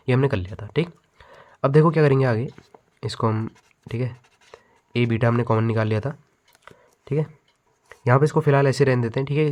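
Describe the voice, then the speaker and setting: Male tutor, mid-pitched voice, working a problem aloud as he writes and checking students follow. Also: darkish tone. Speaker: physics teacher. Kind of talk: step-by-step math lesson over handwritten notes.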